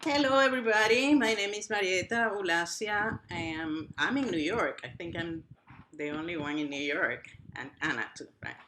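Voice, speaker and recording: A woman's voice: fairly low pitch, moderate pace, slight background noise. A woman from Cuba with a Cuban accent, whose first language is Spanish, speaking animatedly on a virtual panel as a nonprofit director. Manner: animated, restarts phrases, uneven pace. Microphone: video call.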